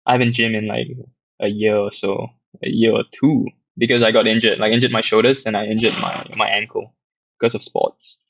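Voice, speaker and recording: This young man with a Singaporean accent runs a laid-back late-night Q&A for an app community, reading viewers' questions out and rambling through answers packed with fillers. His voice is gravelly and lowish, a touch fast, captured on dull, dry lo-fi audio with no echo.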